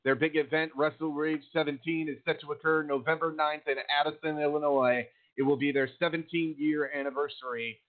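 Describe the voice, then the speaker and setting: A man's voice: on the high side, flat delivery, brisk, hardly any pauses. A man hosting a live wrestling talk radio show. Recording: thin phone-like internet radio sound.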